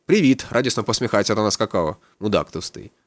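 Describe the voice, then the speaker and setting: A man's voice: fairly low pitch, quick pace, no echo. A man narrating a literary audiobook in a laconic, ironic storytelling manner. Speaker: audiobook reader.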